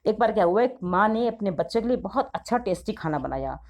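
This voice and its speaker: A woman's voice: medium pitch, animated, fairly quick, darkish tone. A middle-aged woman teacher explaining grammar to schoolchildren, patient and affectionate. She repeats the key points and often calls her pupils "beta".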